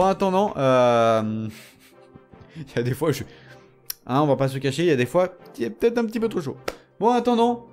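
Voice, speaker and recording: A man giving animated gameplay commentary, teasing and self-mocking, often laughing and bursting into excited shouts. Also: fairly high pitch. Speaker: gamer commenting his own matches.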